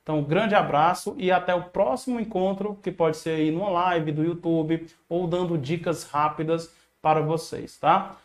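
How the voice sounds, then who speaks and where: A Brazilian man with a somewhat high voice teaches an exam-prep lesson. He talks in a casual, encouraging way, dropping slang as he walks through each answer. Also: fairly even intonation, moderate pace, few pauses. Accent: Brazilian Portuguese. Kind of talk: online video lesson.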